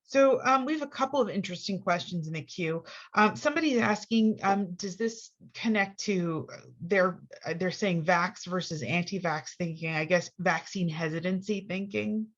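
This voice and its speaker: A woman's voice: lowish voice, normal speed, hardly any pauses, dull audio. A woman moderating a webinar, friendly, reading audience questions aloud and thanking attendees. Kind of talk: hosting a live Q&A.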